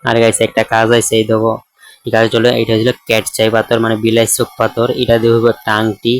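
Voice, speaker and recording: Hoarse guy w chatting over his vlog, pretty flat delivery, loud music behind. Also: on the low side, fast talker, no echo, poor audio. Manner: chatty, keeps addressing viewers as guys. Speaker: vlogger. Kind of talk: casual voice-over vlog narration.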